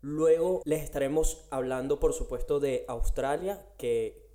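A man's voice: medium pitch, unhurried, dark tone. A Latin American man, co-hosting a casual podcast and laying out its topics. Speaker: podcast co-host. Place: Australia.

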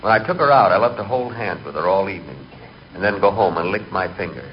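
A man with a low, animated voice talks fast, playing a timid, neurotic, comically vain storyteller in a 1940s radio comedy. His mood is deadpan and confiding. The old radio recording sounds muffled and hissy.

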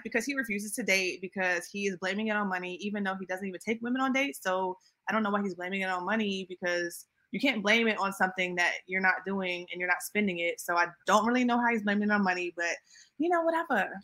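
A woman's voice: mid-range voice, sharp tone. A woman in her late thirties hosting a casual podcast, chatty and ribbing her co-host, with plenty of filler words. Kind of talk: casual chat.

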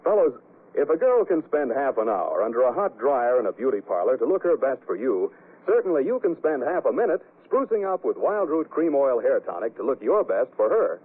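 A male radio announcer in a 1940s broadcast, giving formal, emphatic introductions and sponsor pitches with old radio broadcast sound. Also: big pitch swings, a little fast. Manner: formal, emphatic sales delivery. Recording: tinny 1940s radio broadcast with faint music.

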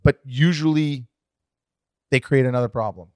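A man co-hosting a casual podcast chat, explaining current events in an animated, swinging way. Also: medium pitch, normal speed, smooth, no echo, studio quality. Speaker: podcast co-host.

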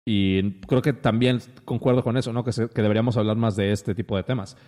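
A man's voice: lowish voice, fairly even intonation, a little fast, a little mellow, big-room sound. A man with a Mexican accent hosting a casual podcast chat, rambling with many restarts and fillers. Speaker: podcast host.

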